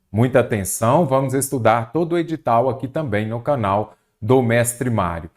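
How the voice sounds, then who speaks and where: A man teaching an online exam-prep lesson, talking straight to viewers and often checking in with "ok?". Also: medium pitch. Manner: animated, addresses viewers directly, repeats "ok?" and "observe". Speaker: Portuguese teacher.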